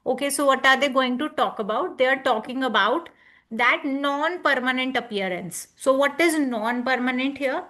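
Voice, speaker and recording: A woman leads an online scripture class over a video call, her voice bright and a little high. She talks patiently and reassuringly, breaking pronunciation down step by step for her students. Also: normal speed. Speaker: Bhagavad Gita class teacher. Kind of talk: online class teaching recitation.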